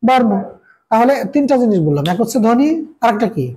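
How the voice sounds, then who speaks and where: A man's voice: extremely high pitch, big pitch swings, fast talker, darkish tone, low-quality recording. A male teacher leads a classroom grammar lecture. He repeats his points in a call-and-response pattern, posing a question and then giving the answer himself.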